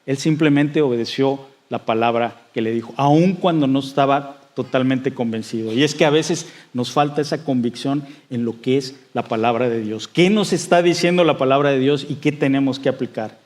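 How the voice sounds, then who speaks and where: A man preaching a sermon in a conversational way, with frequent fillers and restarts, and acting out quoted voices with rising excitement. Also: medium pitch, moderate pace, hardly any pauses. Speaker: pastor.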